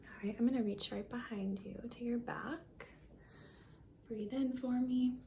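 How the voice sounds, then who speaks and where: A woman in an ASMR role-play as a caring doctor, speaking softly and breathily with gentle reassurance. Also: fairly high pitch, fairly even intonation, measured pace, slight background noise. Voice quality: breathy, soft. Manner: soft-spoken, gentle, reassuring, soft-spoken. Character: caring, reassuring female doctor giving a check-up. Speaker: ASMR performer playing a doctor.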